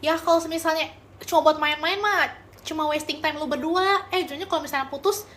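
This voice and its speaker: A woman's voice: high-pitched, fairly quick, fairly bright tone. A young woman hosting a casual livestream, answering viewer chat with relationship advice and calling viewers pet names. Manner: affectionate, calls viewers pet names, mixes in English phrases.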